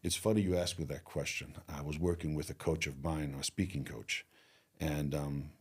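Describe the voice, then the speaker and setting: A middle-aged man from Greece speaks in an interview with a very deep, low voice and a husky grain. He talks earnestly and motivationally as a leadership coach, slowing down to stress his key points. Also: steady tone. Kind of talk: interview conversation.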